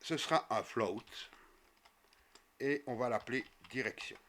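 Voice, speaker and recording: A man walking viewers through a coding tutorial step by step as he types, with frequent fillers and quick self-corrections. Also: medium pitch, fairly bright tone, slight background noise. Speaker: programming tutor. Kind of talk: screen-recorded coding tutorial.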